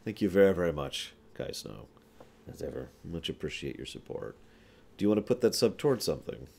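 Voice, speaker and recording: A man's voice: low voice, sing-song, brisk, vocal fry, a little mellow. A man giving casual, jokey commentary as he plays a video game. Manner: jokey, wry.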